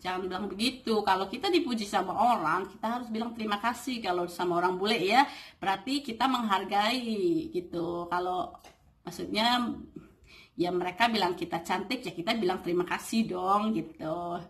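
A woman's voice: mid-range voice, moderate pace. A woman talking casually to camera, giving advice with many fillers and playfully acting out quoted lines. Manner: chatty, full of fillers, acts out quoted lines. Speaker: vlogger giving dating advice.

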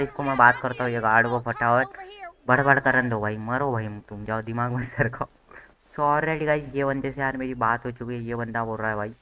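A man's voice: lowish voice, smooth, rough recording. A young man, casually commenting on his gameplay and chatting to viewers as "bhai". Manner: chatty, addresses viewers as bhai, shouts when the game goes wrong. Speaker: gaming channel host.

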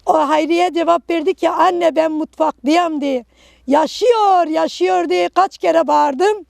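A middle-aged woman giving a personal testimony in short, halting phrases. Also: extremely high pitch, fairly even intonation, creaky, a little mellow, no room sound. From Kahramanmaraş, Turkey. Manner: halting, tells events in short broken phrases. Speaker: earthquake survivor interviewee.

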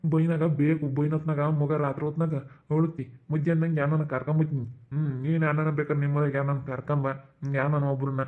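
A man's voice: a little high, little pitch movement, brisk, narrow, tinny audio, lightly acted. A man playing an earnest visiting villager. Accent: Hiriyur rural Kannada. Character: visiting villager seeking a native cow.

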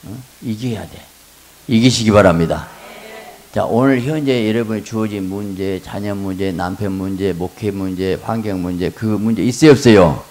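A middle-aged male pastor preaching at a revival meeting. He is animated and acts out the voices of wives and husbands, swinging between hushed asides and loud exclamations. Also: lowish voice.

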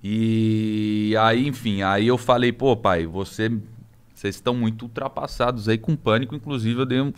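A young Brazilian man with a Brazilian Portuguese accent, a podcast guest talking casually and haltingly with many restarts. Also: lowish voice, smooth. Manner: hesitant, many restarts and fillers. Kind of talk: casual interview talk.

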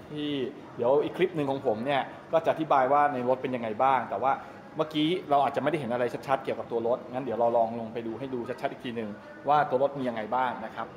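A middle-aged vlogger with a mid-range voice chats casually and explains things to the camera while giving a walk-through tour of a large open-sided go-kart pit hall. He's recorded on a 360 camera held at arm's length, with roomy echo and loud ambient noise.

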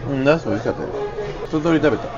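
A man's voice: a little high, rapid-fire. A young man chatting casually at a restaurant table over drinks. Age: young adult. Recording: dull sound, busy restaurant chatter.

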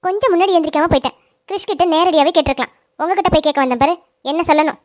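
A woman's voice: sits high, rapid-fire, no echo, studio quality, lightly acted. A woman voicing a worried, fretful middle-aged mother in a cartoon family drama. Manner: fretful, complaining.

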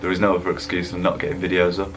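A young fitness vlogger with a very deep voice rambles casually, full of fillers, in a laid-back voice-over for gym footage recorded in an indoor room. His delivery is completely flat and racing. He speaks into a desk webcam with a faint hiss underneath.

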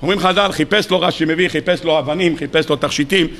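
A man giving a sermon as a rabbi, animated and firing rhetorical questions at his audience. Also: on the high side. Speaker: rabbi preaching on the weekly portion.

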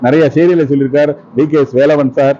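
A man hosts a local TV broadcast, rattling off introductions and thanks at a fast clip. His voice sits a bit high and mellow, and the recording is dull and lo-fi. He sounds effusive throughout. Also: steady tone. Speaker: TV host. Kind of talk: live event commentary.

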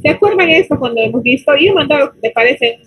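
A woman's voice: high-pitched, lively intonation, a bit bright, low-quality recording. Spanish-speaking woman teaching basic English online. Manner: explains in Spanish, models English words slowly, checks with students.

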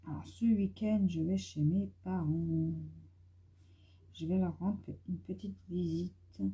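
She's a YouTuber and mother of a young boy, coloring indoors at home and chatting loosely with many fillers. The voice is lowish, warm and husky, keeping a steady tone at a slow pace.

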